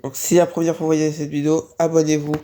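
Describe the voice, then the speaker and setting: Racing along in a dark, medium-pitched voice with little pitch movement, a slightly sick Minecraft builder hesitantly narrates a casual tutorial. Sneezes interrupt, and the same fillers, "voilà" and "on continue," keep coming back.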